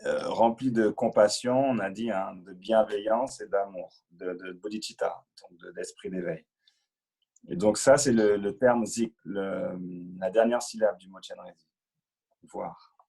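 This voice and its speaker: A man patiently explaining a Buddhist prayer as interpreter and teacher, in a halting way with many fillers and repeated words. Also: lowish voice, gravelly, mellow, breathy edge.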